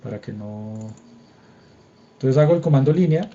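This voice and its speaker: A young Colombian man lecturing over a video call, his voice mellow and relaxed. He talks informally and keeps checking that everyone can follow along. The audio is a bit dull, with the faint clatter of typing behind him. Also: mid-range voice, moderate pace, slight background noise. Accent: Colombian Spanish. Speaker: engineering drawing lecturer. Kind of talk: online class lecture with screen demo. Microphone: computer mic on a video call.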